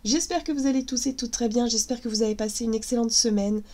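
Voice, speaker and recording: Fast and fairly high-pitched with a touch of mellowness, this woman in her thirties is doing a tarot reading while fighting a cold. Her voice cracks, and her chatty talk is hesitant and crowded with fillers.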